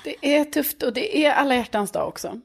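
A woman's voice: high voice, expressive, gravelly, slightly rough. A woman co-hosting a podcast, listening supportively and adding her own ideas in casual chat. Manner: supportive listener, short affirmations, imagines scenarios. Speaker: podcast co-host.

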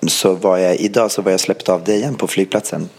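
Husky man telling lively stories. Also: low-pitched. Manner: animated anecdote telling, acting out dialogue. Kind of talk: casual chat, storytelling.

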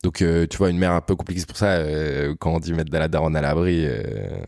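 A French man in his thirties, a podcast guest, telling his life story in a relaxed, slangy, rambling way. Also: very deep voice, brisk, dry recording, studio quality. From France. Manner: rambling, slangy, frequent "tu vois" asides. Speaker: podcast guest, content creator. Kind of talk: casual storytelling conversation.

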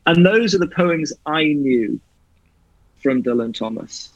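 Over a video call, a guest from Wales with a light Welsh accent reads a poem, then talks about it earnestly and reflectively in a conversational interview. His voice is a little high, with lively intonation and an unhurried pace. The online call audio is dry and slightly muffled.

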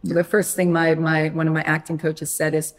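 Appearing as a guest on a podcast, a middle-aged wine critic from Maine tells her life story in a casual interview. She has a deep voice and speaks animatedly, laughing quickly and often restarting her sentences.

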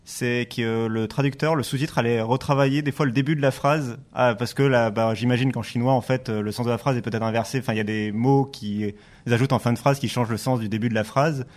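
A man co-hosting a tech podcast at an ordinary mid pitch. He talks loosely and thinks aloud, often breaking off and restarting his sentences. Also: fairly even intonation, fast talker. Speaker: podcast co-host. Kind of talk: casual tech chat.

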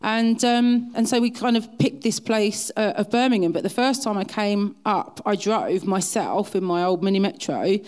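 A middle-aged woman with an Essex accent from south-east England tells chatty, self-deprecating anecdotes as an interview guest. Her medium-pitched voice has a darkish tone and moves at normal speed with hardly any pauses.

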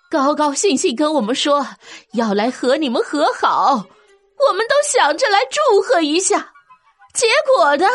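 A woman's voice: extremely high pitch, fairly bright tone, full character voice. A woman playing a nosy, scolding middle-aged village woman in an audio drama.

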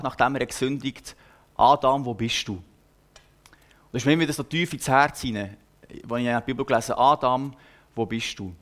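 A young man preaches with a Swiss lilt in his Standard German. He tells a personal story in an earnest, chatty way and often pauses to hesitate. His voice sits at an ordinary middle pitch. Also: a bit bright. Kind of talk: personal sermon.

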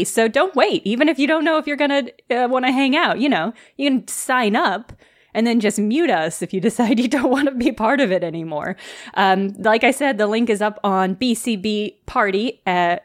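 A woman with a fairly high voice speaks as a podcast host. She addresses listeners in a casual announcement style. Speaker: podcast host, player and producer.

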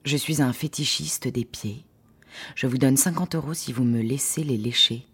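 A woman's voice: very deep voice, moderate pace, husky, heavily acted. A woman voicing a pushy, creepy, skinny young man in her story, speaking insistently and smarmily. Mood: smarmy.

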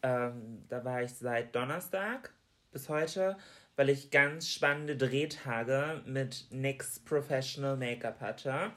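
A man co-hosting a relaxed chat podcast in a brisk, chatty way. He likes to tease and nudge his co-host along. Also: mid-range voice. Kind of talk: casual chat.

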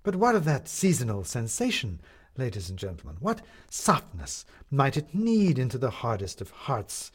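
A man reading a story, voicing a grandiose male showman who milks a crowd with drawn-out proclamations. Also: huge pitch swings, husky. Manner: theatrical, booming, drawn-out proclamations.

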